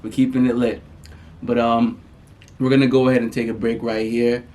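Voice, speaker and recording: A man's voice: medium pitch, little pitch movement, a little fast, far from the mic. Laid-back man co-hosting a podcast. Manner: laid-back, joking, trails off quietly. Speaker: podcast co-host. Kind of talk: casual chat.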